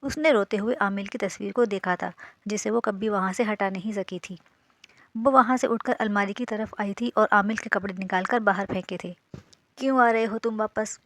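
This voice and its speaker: A woman's voice: medium pitch, moderate pace. A woman reading a romance novel aloud in a dramatic storytelling style, voicing the characters herself. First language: Urdu. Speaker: novel narrator.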